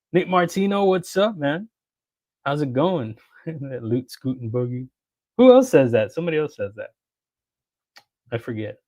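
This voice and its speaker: A man's voice: mid-range voice, a little mellow, no echo. Brief: easygoing male livestream host, casual chatty delivery, close dry mic, frequent chuckles. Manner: laid-back, chuckles often, greets viewers by name. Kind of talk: casual livestream chat, reading comments.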